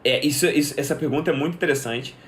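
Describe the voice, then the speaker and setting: A man's voice: fairly high pitch, rapid-fire, a little hiss or hum. A young man teaching in a live stream, answering viewers' questions and explaining step by step, often asking a question and then answering it himself. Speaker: English teacher.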